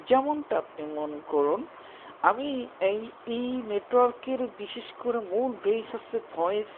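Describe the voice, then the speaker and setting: A woman explaining an idea to viewers in a rambling way, often restarting and searching for words. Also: medium pitch. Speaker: speaker explaining a personal theory. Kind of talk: casual monologue to viewers. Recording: tinny phone-like audio with faint noise.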